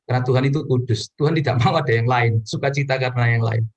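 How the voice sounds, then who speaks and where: A man delivers a sermon testimony in a mid-pitched voice. His storytelling is earnest, and his voice leaps upward at moments of emphasis. He speaks straight to the listeners in front of him. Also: fairly even intonation, quick pace, dull audio. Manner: addresses listeners directly. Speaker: preacher giving a personal testimony.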